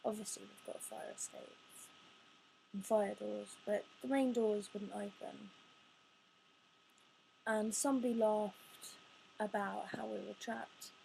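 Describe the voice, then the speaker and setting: A woman in her twenties talking about her own life in a halting way, restarting phrases, her words sometimes coming out in a rush. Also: mid-range voice, steady tone, vocal fry, a little mellow, slight background noise, low-quality recording. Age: 20s. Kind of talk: personal confessional talk.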